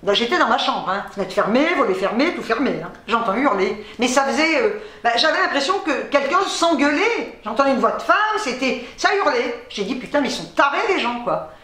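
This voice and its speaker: A woman vlogger chatting casually to camera, swearing freely as she tells animated stories. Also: high voice, a little fast, hardly any pauses, echoey room.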